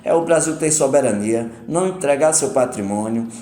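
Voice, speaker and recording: Measured man, echoey room, Pernambuco accent. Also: medium pitch, animated, dark tone. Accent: Pernambuco Brazilian Portuguese. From Brazil. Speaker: union leader interviewed. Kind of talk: recorded interview statement.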